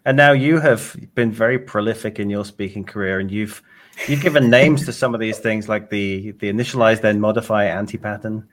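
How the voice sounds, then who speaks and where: A middle-aged man speaks as an interview guest in a casual, conversational style. His voice sits a little on the low side. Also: a little fast. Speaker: podcast guest, programmer and conference speaker.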